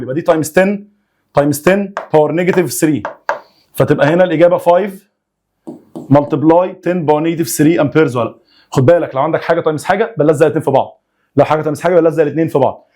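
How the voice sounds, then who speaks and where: A man's voice: fairly high pitch, darkish tone. A young man with an Egyptian Arabic accent, a physics teacher working through homework in a recorded lecture, coaxing and joking with students to work along. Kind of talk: recorded online lecture, solving homework problems.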